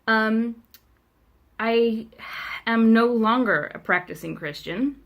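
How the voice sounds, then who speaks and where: A young woman vlogger from South Africa, whose first language is Afrikaans, speaks slowly in a voice on the high side. Addressing a friend in a casual video letter, she's talkative and wry, teases herself, and fills gaps with frequent ums.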